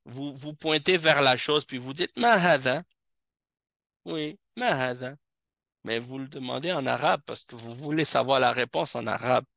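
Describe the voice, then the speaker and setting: A man's voice: mid-range voice, normal speed, vocal fry, few pauses, sharp tone, no echo, studio quality. A man teaching a classroom language lesson as an Arabic teacher, patiently repeating each word several times, recorded in a mosque classroom.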